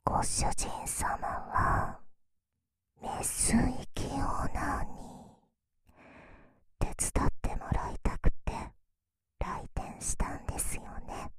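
A woman playing a teasing, seductive maid in a whispered role-play, politely coaxing her master. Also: natural voice. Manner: breathy, polite, coaxing, drawn-out phrasing.

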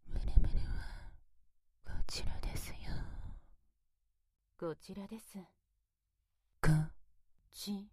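A woman voicing a devoted, high-ranking demon butler in a whispered ASMR roleplay, speaking with extremely polite, servile formality into a close binaural mic. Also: slow pace, pauses often, dark tone, no room sound. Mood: teasing. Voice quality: breathy whisper. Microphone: close binaural mic, left and right ears.

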